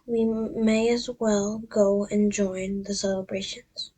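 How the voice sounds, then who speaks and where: A wise old male wizard headmaster from a storybook, voiced by a woman reading aloud. He speaks softly and unhurriedly. The voice is a touch husky and stays fairly even. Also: mid-range voice, slow pace, rough recording. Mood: calm.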